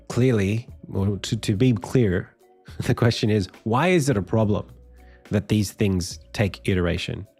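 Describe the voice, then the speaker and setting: Thinking aloud on a casual live stream about his game development, a man talks with lots of fillers and restarts. His voice is deep, croaky and darkish in tone, and he sounds tired.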